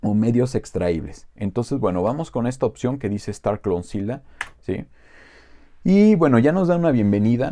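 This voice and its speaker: A man with a Mexican Spanish accent casually walking viewers through a software tutorial, rambling with many fillers and asides. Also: on the low side. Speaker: tech tutorial host.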